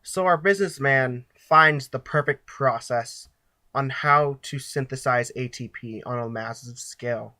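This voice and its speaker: A man's voice: medium pitch, measured pace, pushed and bright. A young man narrating a student skit in an offhand, rambling way.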